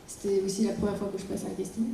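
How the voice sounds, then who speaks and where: A woman's voice: mid-range voice, little pitch movement, racing, vocal fry, warm tone, slight background noise. A young adult woman, an actress guest, telling stories at a festival panel, hesitant with many fillers. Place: large hall. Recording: echoey hall from far off.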